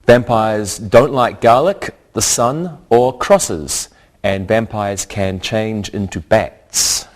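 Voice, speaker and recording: A man teaching a scripted English lesson, speaking deliberately and repeating each word for learners. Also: on the low side.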